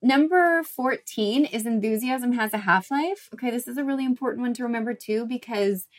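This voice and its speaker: A woman's voice: on the high side, a little fast. A young adult woman hosting a recovery talk, speaking casually with lots of "like" fillers and blunt swearing. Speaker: recovery podcast host. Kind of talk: casual monologue advice.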